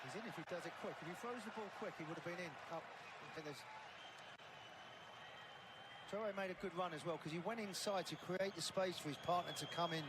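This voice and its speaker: A man's voice: high-pitched, brisk, a loud crowd. A man who is a former coach, giving chatty, analytical football co-commentary. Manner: chatty, analytical, conversational asides. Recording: game audio under loud background noise.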